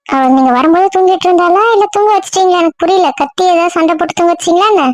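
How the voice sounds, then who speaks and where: A woman acting in an audio drama, scolding and bossy with a sharp tongue. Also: very high voice, racing, dry recording.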